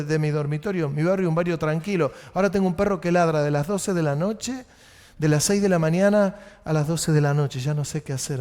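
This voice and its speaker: A high-voiced man preaches with an Argentine Rioplatense accent, swinging from urgent raised exhortation down to soft, low asides. His sermon rings out in a church hall with a long, lingering reverb. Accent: Rioplatense Spanish. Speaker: pastor.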